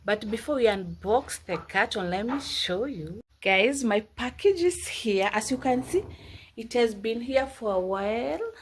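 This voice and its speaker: A woman's voice: on the high side, expressive, unhurried, slight background noise. A woman, talking casually to her viewers in a rambling, chatty home vlog and calling them "guys" often. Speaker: vlogger.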